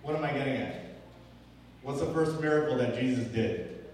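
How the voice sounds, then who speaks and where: A young male pastor giving a relaxed, conversational Bible teaching, asking the room questions and chuckling often. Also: mid-range voice, moderate pace, a little hiss or hum. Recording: echoey hall from far off.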